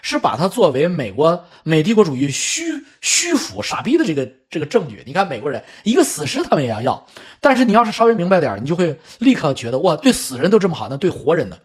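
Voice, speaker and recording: A middle-aged man from China telling a true story in an animated, chatty way, with spoken asides. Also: a little high, fast talker, husky. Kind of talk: casual storytelling commentary.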